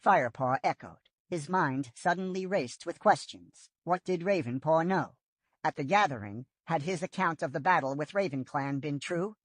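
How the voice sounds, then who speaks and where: A woman narrating a children's audiobook in an expressive storytelling manner. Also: sits low, normal speed, dry recording. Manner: expressive storytelling with lively intonation.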